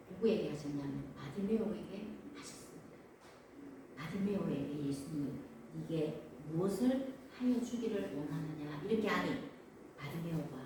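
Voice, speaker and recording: A woman's voice: lowish voice, a little mellow, recorded from a distance, a little hiss or hum. Woman preaching in an echoey hall. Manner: preaching with emphatic repetition and acted quotations. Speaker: pastor. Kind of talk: sermon.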